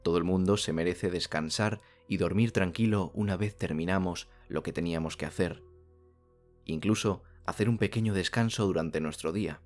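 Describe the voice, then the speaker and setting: A man from narrates a soothing guided sleep meditation like a bedtime story narrator, speaking calmly in slow phrases with long pauses. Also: low-pitched, soft background music.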